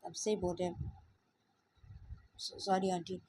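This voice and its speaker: A woman voicing a young friend who apologizes softly and keeps saying sorry. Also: on the low side, level tone, unhurried, slight background noise, close to an everyday voice. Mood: apologetic quiet. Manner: soft, apologetic, repeats sorry.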